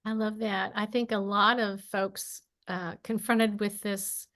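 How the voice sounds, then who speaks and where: A woman with an Appalachian twang moderating a literary panel, folksy and quick to laugh. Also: mid-range voice, little pitch movement, a bit bright.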